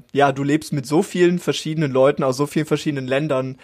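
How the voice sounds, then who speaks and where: A man's voice: fairly high pitch, fairly even intonation, fast, a little mellow, no room sound. A young adult man bantering casually as a podcast co-host in a dry, ironic, mock-serious way.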